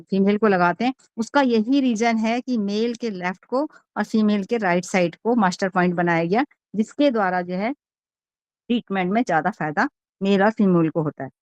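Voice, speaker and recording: A woman's voice: mid-range voice, normal speed, a little mellow, dry recording, dull audio. Teacher woman, dry close sound. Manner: explains in Hindi with English readouts, many fillers. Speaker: acupressure teacher. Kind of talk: online class lecture.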